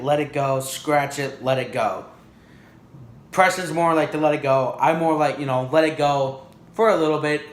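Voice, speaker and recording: A man's voice: a little high, roomy sound. A man vlogging in a casual, rambling monologue, full of "you know" and "like".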